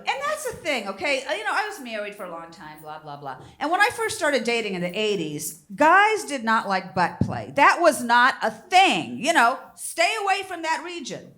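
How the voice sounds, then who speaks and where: An older woman doing a bawdy stand-up comedy set on a theater stage, brash with loud squealing outbursts. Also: a little high, huge pitch swings, normal speed, hardly any pauses. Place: theater stage before a live audience.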